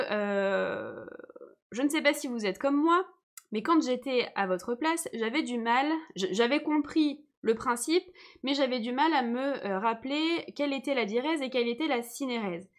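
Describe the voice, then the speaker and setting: Young female teacher, live online lesson, patient and reassuring, a touch high-pitched. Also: expressive, a little slow. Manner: patient, checks in often with viewers.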